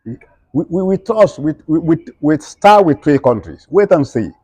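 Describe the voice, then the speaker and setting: This is an animated middle-aged man whose voice sits on the high side, mellow but slightly rough, and a little slow. As an interviewee he argues emphatically in broken English that isn't his native tongue, restating his points. The recording is dry.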